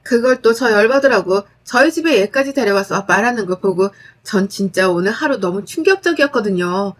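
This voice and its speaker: A woman's voice: medium pitch, lively intonation, a little fast. A woman narrating a dramatized first-person story, blunt and firm in tone. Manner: blunt, firm, sharp-tongued.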